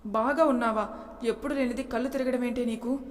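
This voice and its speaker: A woman's voice: fairly high pitch, steady tone, fairly quick, lightly acted. A woman voicing a caring young woman who fusses anxiously over a friend, with a long reverb on the recording. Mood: alarmed. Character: caring young woman, worried sister-in-law.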